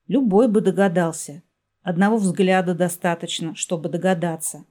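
A woman narrating an audiobook reads a scripted story in a low-leaning voice. She keeps a measured, even storytelling pace throughout.

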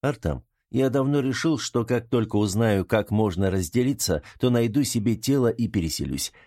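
A steady young man talks calmly and reassuringly, read by a man in an audiobook. His voice is very deep and dark. The sound is dry and close. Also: normal speed, dry recording. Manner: calm, reassuring. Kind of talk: audiobook character reading.

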